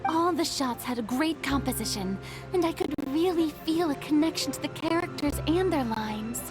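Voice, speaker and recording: Over game music, a woman voices a vain, theatrical young star in a video game. Her high voice is lively at a moderate pace, delivering lines in a haughty, dramatic, self-important manner.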